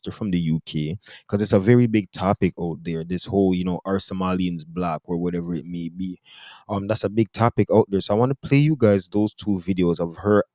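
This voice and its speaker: A man's voice: sits low, a little mellow, dry recording, studio quality. A man hosting a casual reaction show, talking in a loose rambling way with slang and fillers. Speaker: host.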